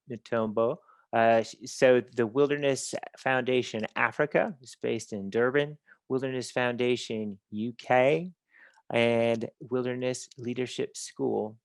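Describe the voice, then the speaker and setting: A man's voice: mid-range voice, dry recording. A man giving an online conference presentation, talking with many fillers and restarts over a computer mic.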